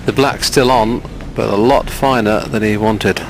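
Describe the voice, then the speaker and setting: A man giving hushed, conversational snooker commentary as a co-commentator. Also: fairly low pitch, steady tone, measured pace. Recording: clear background noise.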